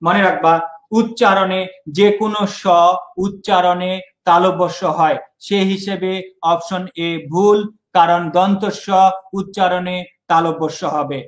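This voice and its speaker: A man's voice: high-pitched, fairly even intonation, measured pace, roomy sound, poor audio. A young man from Bangladesh, teaching an online exam-prep lesson and repeating key points.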